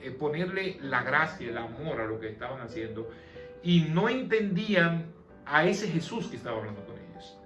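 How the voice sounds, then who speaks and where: A man's voice: on the high side, very animated, moderate pace, lo-fi sound. A man leading a conversational Bible study, explaining the passage and posing questions to his listeners. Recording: echoey room with soft music behind.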